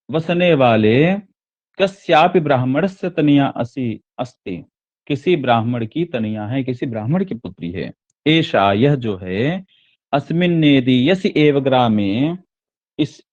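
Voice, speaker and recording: A man with a medium-pitched, darkish voice teaches a Sanskrit text, reading each line aloud and then breaking it down word by word, repeating and correcting himself as he goes. The audio sounds dull.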